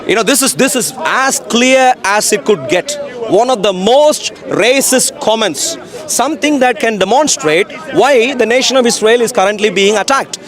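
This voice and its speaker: High-voiced male street preacher in a crowd. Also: expressive, normal speed. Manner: insistent, repeats phrases, talks over interruptions. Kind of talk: public debate, reciting and arguing over scripture. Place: outdoors in a busy urban public spot. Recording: busy outdoor crowd noise.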